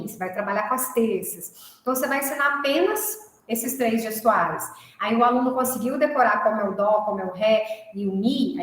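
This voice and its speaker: Woman music teacher, slightly high voice, explanatory with tag-question check-ins, heavy room echo. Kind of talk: recorded online class. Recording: very echoey room.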